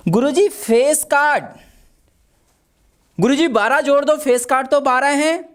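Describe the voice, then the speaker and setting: A man's voice: extremely high pitch, a little slow, fairly bright tone, pitched above the performer's own voice. A man voicing a cheeky, curious schoolboy who asks his teacher naive questions. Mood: puzzled.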